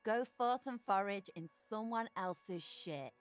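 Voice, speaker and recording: An actress voicing a hostile young female street artist in a game, sneering and insulting, with a slow, sarcastic drawl over faint music. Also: medium pitch, close to an everyday voice.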